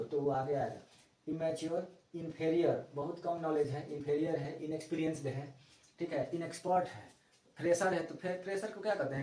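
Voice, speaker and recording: A middle-aged man teaches English vocabulary in a Hindi classroom lecture, repeating each term and spelling words out letter by letter. His voice is mellow and sits fairly high. He is heard from a distance in an echoey room. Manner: explains word by word, spells words out letter by letter, repeats key terms.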